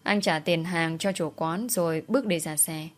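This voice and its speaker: A woman reads a dramatic novel aloud in a steady storytelling manner. Her voice sits fairly low for a woman. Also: normal speed. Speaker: narrator.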